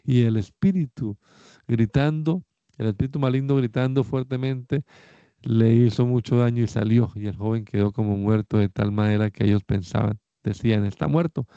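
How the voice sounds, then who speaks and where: A Bible reader delivers scripture in a warm, smooth voice at a measured, steady pace, lifting his pitch a little for quoted speech. The recording is dry, slightly dull, and a bit lo-fi.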